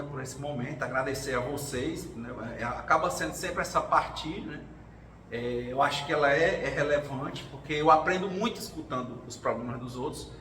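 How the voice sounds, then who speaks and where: Telling personal stories at a spiritual gathering, a man keeps things informal and conversational, imitating the voices of the people he quotes. His mid-range voice comes across pushed and bright. He's heard from afar in a roomy hall, with a faint noise floor.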